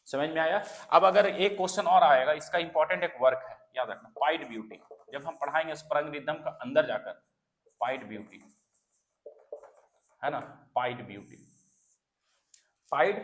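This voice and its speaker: A man teaching an exam-prep literature lesson, repeating key points and often asking if it is clear. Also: on the high side, fairly bright tone. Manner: repetitive, checks understanding often. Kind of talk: classroom lecture.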